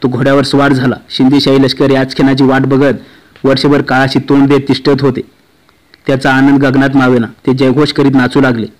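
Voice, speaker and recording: A man reads a historical novel aloud, chapter by chapter. His pitch sits in the middle of the range and hardly moves, which gives a steady, monotone delivery. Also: fairly quick, low-quality recording. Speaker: audiobook reader.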